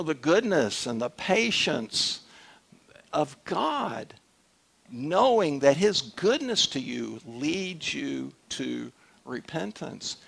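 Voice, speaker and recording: Slow, gravelly-voiced male preacher. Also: on the high side. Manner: conversational, frequent "right?" check-ins, drops to a hush. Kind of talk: sermon.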